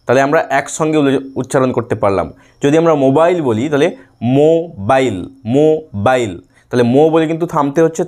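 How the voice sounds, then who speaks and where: A man teaching a grammar lesson, patiently repeating example words slowly, syllable by syllable. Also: fairly high pitch, darkish tone. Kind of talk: lesson for students.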